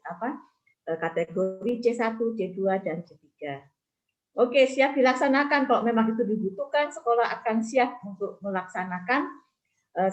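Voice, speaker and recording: A woman's voice: mid-range voice, muffled recording. A woman teacher explaining the school's plans to students on a video call, with fillers. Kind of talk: online school forum reply.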